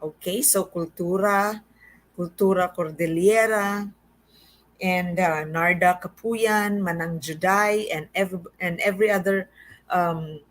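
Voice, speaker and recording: Filipino-accented woman host, unhurried, halting delivery full of fillers. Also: fairly low pitch, steady tone, rough recording. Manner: chatty, halting, many fillers and restarts. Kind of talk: casual show-and-tell vlog.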